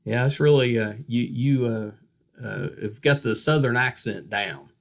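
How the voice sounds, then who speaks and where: A man's voice: medium pitch, a little slow, gravelly. A man hosting a podcast interview, effusive and full of praise, with lots of "yeah.". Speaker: podcast host. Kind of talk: casual interview chat.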